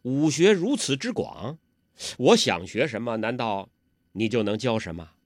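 A man voicing an earnest, honest young man who speaks humbly and a bit slow-wittedly. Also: mid-range voice, sing-song, no echo, clean studio sound.

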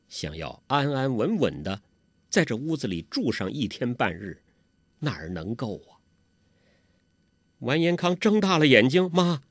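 A male storyteller narrating a martial-arts epic with dramatic, rhythmic flair and colloquial asides. His husky voice ranges widely in pitch. The recording is dry and close. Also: a bit bright, dry recording.

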